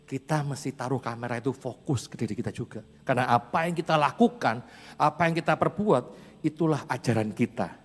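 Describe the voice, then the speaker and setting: A man's voice: mid-range voice, a little fast, slightly rough. A man, a pastor, preaching a sermon in a chatty storytelling manner and laughing often. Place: church hall. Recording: reverberant church hall, faint music.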